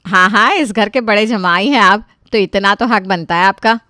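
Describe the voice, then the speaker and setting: Cartoon young woman played by a woman, wry, sarcastic, mid pitch, dry close sound. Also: moderate pace, sharp tone, no echo, natural voice. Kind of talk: cartoon voice acting.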